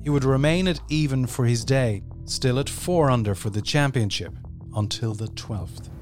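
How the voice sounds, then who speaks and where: A man's voice: mid-range voice, normal speed, darkish tone, faint music behind. A man reading scripted narration for a sports documentary.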